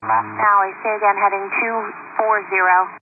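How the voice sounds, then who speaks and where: A female air traffic controller giving cool, calm, measured instructions over a radio transmission. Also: medium pitch. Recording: tinny noisy radio archive audio.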